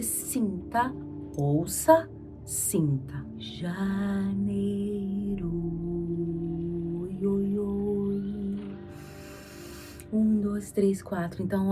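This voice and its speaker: Brazilian woman, vocal coach, mid pitch, patient drill-leading delivery, soft music bed. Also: distant mic. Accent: Brazilian Portuguese. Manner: slow prolonged demonstration words; instructive, encouraging teacher. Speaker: speech therapist and singer. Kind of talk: vocal exercise lesson.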